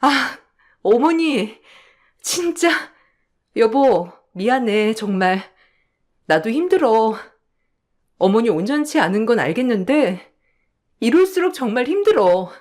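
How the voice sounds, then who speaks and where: A woman's voice: on the high side, expressive, unhurried, long pauses, darkish tone. A woman playing an exasperated young wife in a radio drama, sounding plaintive and fed up. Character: exasperated young wife at her wits' end.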